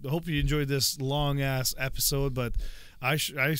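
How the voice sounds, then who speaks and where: Relaxed man hosting a chatty podcast. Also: mid-range voice, moderate pace, clean tone, no echo. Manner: easygoing, laughs often, trailing fillers. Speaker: podcast host. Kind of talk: casual chat.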